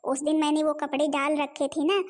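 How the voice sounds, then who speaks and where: Woman doing a bratty lazy young wife in a cartoon, high pitched, snaps at people. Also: flat delivery, darkish tone, natural voice. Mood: eager. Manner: defiant, quick to anger. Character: spoiled young wife, lazy and hot-tempered. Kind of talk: homemade cartoon voice acting.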